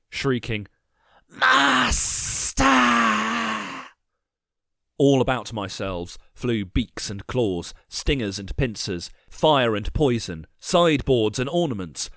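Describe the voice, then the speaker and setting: A man narrating a dark first-person story with measured, grim delivery. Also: medium pitch, dry recording, studio quality.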